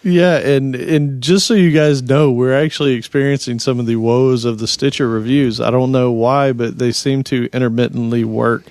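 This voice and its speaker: A man's voice: medium pitch, steady tone, normal speed, hardly any pauses, a little mellow, dry recording. A man co-hosting a casual programming podcast, explaining his thoughts at length in a loose, rambling way. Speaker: podcast co-host. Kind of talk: casual tech podcast chat.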